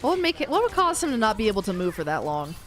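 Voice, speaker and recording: A woman's voice: fairly high pitch, sing-song, rapid-fire, faint music behind. A woman live-streaming a game with casual commentary, talking in slangy frat-bro style and swearing freely. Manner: slangy frat-bro talk, says bro and dude. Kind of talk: casual gameplay chat and commentary.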